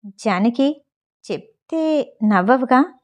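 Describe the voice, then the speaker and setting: A woman voicing an irritated, reserved young married man who speaks low and curt in a storybook reading. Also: unhurried, mellow, lightly acted. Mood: hesitant.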